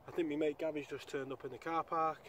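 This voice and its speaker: On a pond bank outdoors, a young angler vlogger chats casually and upbeat about the fish he catches, using lots of fillers. His voice is on the high side, steady in tone and fast, picked up by an action camera mounted nearby against a noisy background.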